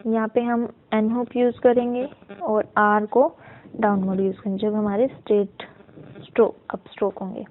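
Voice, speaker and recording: A woman's voice: mid-range voice, little pitch movement. A woman teaching a shorthand lesson, patiently sounding out words syllable by syllable, mixing in English terms and often checking in with the class. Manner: slow and patient, checks in with "ठीक है"; mixes Hindi with English terms. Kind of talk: step-by-step lesson. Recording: tinny narrow-band audio.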